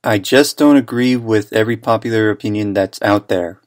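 A man's voice: lowish voice, normal speed, no echo, clean studio sound. A young man who makes cartoons, giving an earnest, self-deprecating scripted opinion commentary. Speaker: cartoon and animation creator.

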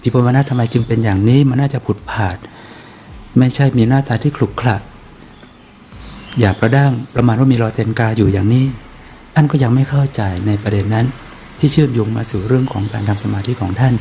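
A Buddhist monk speaks in a mellow, darkish voice, earnest and aggrieved as he rebuts criticism. A faint hiss of noise sits under his talk. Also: medium pitch, brisk. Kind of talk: monk's spoken commentary.

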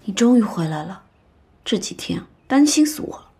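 A young actress playing a spirited, outspoken young woman who talks briskly and teases in a period TV drama. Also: mid-range voice, natural voice. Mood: lively. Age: young adult. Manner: brisk, lively and teasing. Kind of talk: dubbed TV drama dialogue.

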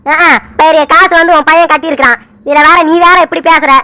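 A stubborn old grandfather from a cartoon serial, voiced by a woman, barks out his demands in a piercing, bright, fast voice. He keeps pushing with short, sharp challenges. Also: high-pitched, fairly even intonation, dry recording. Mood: scolding. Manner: scolding, keeps barking "ah?" demands. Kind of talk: Tamil cartoon serial voicing.

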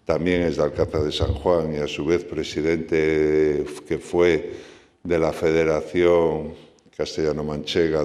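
A man in his sixties speaks at an awards gala in an animated, sometimes halting way. His voice is notably deep. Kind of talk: acceptance speech. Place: event hall.

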